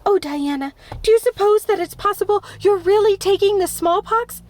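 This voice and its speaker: Dramatic chatterbox girl, voiced by a woman reader, high and lively, storybook read-aloud. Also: normal speed. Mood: pleading. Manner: breathless, dramatic, gushing. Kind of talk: audiobook character voice.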